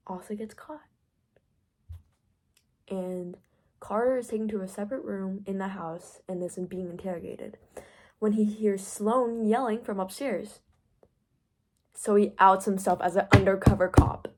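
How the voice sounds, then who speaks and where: A woman's voice: mid-range voice, measured pace, pauses often. Profane young woman ranting. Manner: profane, filler-heavy storytelling. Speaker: book vlogger. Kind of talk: casual book rant.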